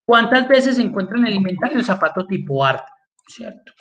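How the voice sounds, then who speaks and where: A man's voice: high voice, sing-song, a little fast, a bit bright. A man teaching an online spreadsheet class, walking through each step and checking in with his students. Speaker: spreadsheet course instructor.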